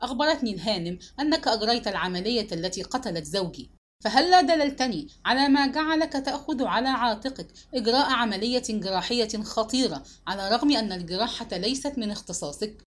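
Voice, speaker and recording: A woman reading the part of a grieving husband who shouts accusing questions. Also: fairly high pitch, expressive, fast. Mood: furious. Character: grief-stricken, furious husband demanding answers. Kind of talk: dramatic novel narration.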